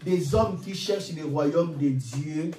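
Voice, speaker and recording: A man in his forties preaching a sermon as pastor, animated and peppered with alleluias and amens. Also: a little high, slow, noisy background. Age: 40s. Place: church hall. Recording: echoey room, mic at a distance.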